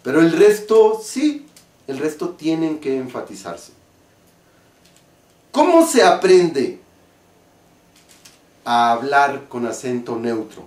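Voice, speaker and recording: A man with a Mexican accent, an acting teacher explaining stage diction slowly and deliberately. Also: medium pitch, very animated, darkish tone. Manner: slow, deliberate, carefully articulated explanation. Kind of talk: spoken lesson on stage diction. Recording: roomy, from a distance.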